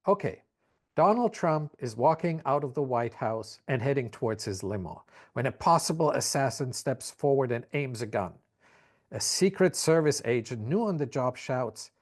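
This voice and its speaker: A man's voice: mid-range voice, moderate pace. A man telling a joke in a playful, bantering way.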